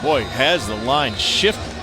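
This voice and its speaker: A man's voice: mid-range voice, animated, takes it slowly, music in the background, a crowd in the background. A man calling live football play-by-play. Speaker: play-by-play announcer. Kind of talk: live American football commentary.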